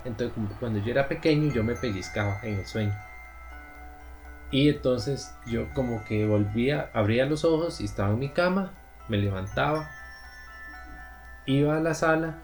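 A man with a Costa Rican Spanish accent talks in a relaxed, chatty way and pauses on fillers as he tells his story. His pitch sits in the middle of the usual range. Faint music plays softly behind him. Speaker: podcast co-host. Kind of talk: casual chat.

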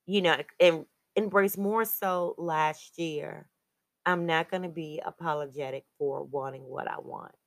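A woman's voice: sits low, no room sound. A woman hosting her own podcast, talking in an upbeat, chatty way. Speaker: podcast host. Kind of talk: casual solo podcast chat.

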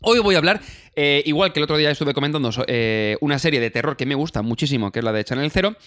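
Brief: man, podcast co-host, fast rambling banter, slightly high voice, dry close mic. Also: lively intonation, a bit bright, no echo. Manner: rambling, self-correcting, jokey. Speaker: podcast co-host presenting his section. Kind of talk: casual banter. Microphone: studio microphone.

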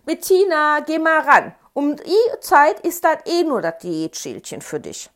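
A woman's voice: high-pitched, measured pace, voice pushed up, exaggerated voice. A woman voicing a mother who calls teasingly from the kitchen in a memoir story. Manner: shouting across the flat.

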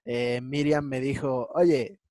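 A man in a casual conversation, reflecting out loud and working through examples. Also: a little high, expressive, normal speed, no echo, studio quality.

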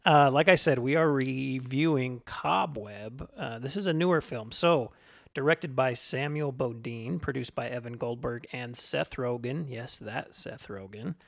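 A man's voice: medium pitch, unhurried, vocal fry, few pauses, dry recording, studio quality. A man co-hosting a podcast, chatting casually as he reviews films. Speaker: podcast co-host. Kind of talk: casual film review chat.

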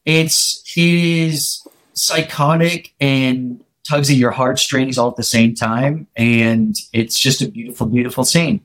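A man co-hosting a podcast, chatting in a relaxed, agreeable way. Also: medium pitch, slow pace. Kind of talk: casual podcast chat.

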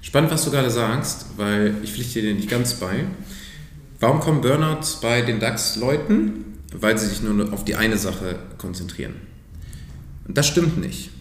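A man's voice: fairly low pitch, animated, unhurried, reverberant. A man speaking as a breathwork coach in a casual podcast conversation, earnest and explanatory, sometimes dropping to a near-whisper for emphasis.

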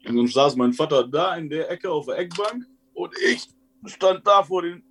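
A man's voice: on the high side, animated, normal speed, fairly bright tone, slightly rough. Rambling, colloquial man telling stories. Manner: rambling and colloquial, often ends with a questioning tag. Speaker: guest telling his experiences. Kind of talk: casual storytelling.

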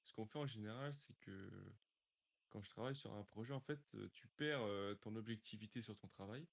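A man's voice: lowish voice, fairly quick, creaky. A young man, a sound engineer, answering interview questions casually, thinking aloud with lots of hesitation.

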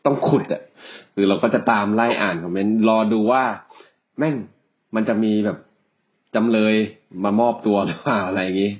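A man's voice: lowish voice, normal speed. A man co-hosting a podcast, chatting casually with crude slang and frequent laughs. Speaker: podcast co-host. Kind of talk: casual chat. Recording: dull lo-fi sound.

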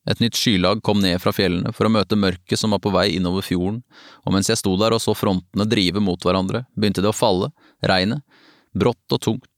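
A man narrating a novel in the first person, calm and even, as an audiobook. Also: on the low side, no room sound, clean studio sound.

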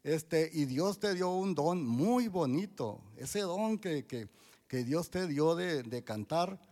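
A man, giving a church testimony in a halting way, full of restarts and fillers. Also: on the high side, expressive, a little mellow. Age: 60s.

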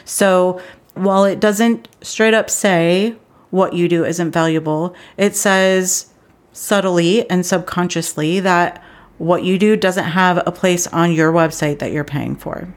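A middle-aged woman hosts a casual solo podcast for travel agents, speaking slowly in a voice on the low side. She talks earnestly and animatedly, growing more intense before reining herself back in.

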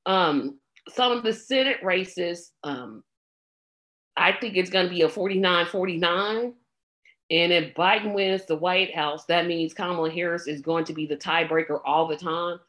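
A woman's voice: on the low side, normal speed, fairly bright tone. A woman with a scratchy throat giving blunt, exasperated commentary on election results, with plenty of ums. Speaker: political commentator. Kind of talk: casual election-night commentary.

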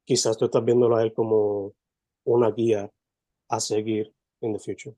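A man's voice: fairly low pitch, normal speed, no room sound. Laid-back man hosting a podcast. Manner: relaxed, loose, code-switching between languages. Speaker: podcast host. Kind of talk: casual interview, mixing Spanish and English.

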